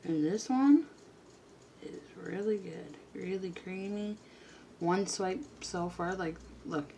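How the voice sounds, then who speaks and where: Low-voiced woman chatting through her makeup. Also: takes it slowly, slight background noise. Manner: chatty, rambling, quiet at times. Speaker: beauty vlogger. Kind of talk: casual chat while doing makeup.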